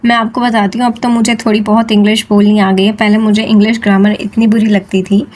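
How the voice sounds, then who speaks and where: A young woman tutoring in a chatty, playful way, drilling terms slowly and repeating them, mixing Hindi with English terms. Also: medium pitch, level tone, darkish tone. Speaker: Ayurveda tutor. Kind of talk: informal exam-prep lesson.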